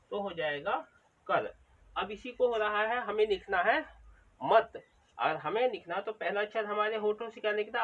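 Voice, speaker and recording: A man's voice: sits high, a bit bright, husky. Patient man teaching from a distance. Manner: slow and patient, repeats each sound aloud. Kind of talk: patient spoken lesson. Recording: distant, dull lo-fi sound.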